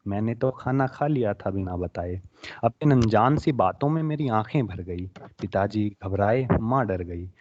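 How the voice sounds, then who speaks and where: A young man reciting his own emotional poem at a student poetry competition, his voice swelling with feeling and then dropping to soft, hushed passages. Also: mid-range voice. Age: young adult. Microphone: online webinar microphone. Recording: dull lo-fi webinar audio.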